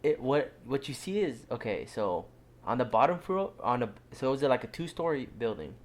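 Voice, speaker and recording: Young male co-host from Southern California, relaxed joking banter in an average-pitched voice. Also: moderate pace. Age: young adult. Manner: laid-back, joking banter, often laughing. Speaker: podcast co-host. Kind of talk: casual chat.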